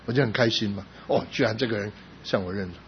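A middle-aged man preaching a sermon as a pastor, telling a personal story with rising emphasis and sudden soft drops. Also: fairly low pitch, fast. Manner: emotional storytelling, rising to loud emphasis then dropping soft. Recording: slightly dull recording with faint background noise.

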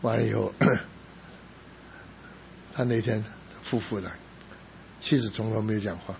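A middle-aged man preaching a sermon as a pastor, telling a personal story with rising emphasis and sudden soft drops. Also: on the low side, steady tone, takes it slowly, gravelly. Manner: emotional storytelling, rising to loud emphasis then dropping soft. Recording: slightly dull recording with faint background noise.

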